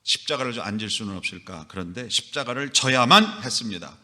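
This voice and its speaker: A man's voice: medium pitch, animated, brisk, pushed and bright. A middle-aged man preaching a Sunday sermon as pastor, with emphatic rises and acted scolding.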